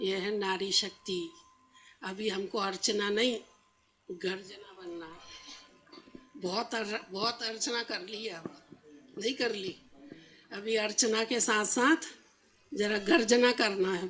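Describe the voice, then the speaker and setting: A woman's voice: medium pitch, fairly bright tone. A woman spiritual teacher giving a talk to a live audience, often putting rhetorical questions to them. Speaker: Brahma Kumaris spiritual teacher.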